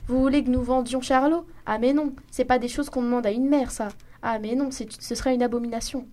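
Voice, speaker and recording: A woman's voice: sits high, fairly even intonation, normal speed, dark tone, lightly acted. A woman voicing an indignant peasant mother who refuses bluntly in rustic speech, in a story reading.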